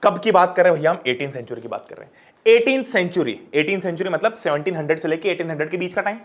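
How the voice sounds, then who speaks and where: A man in his twenties teaching an online class lecture, energetic and chatty, talking straight to his students. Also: sits high, rapid-fire. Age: 20s.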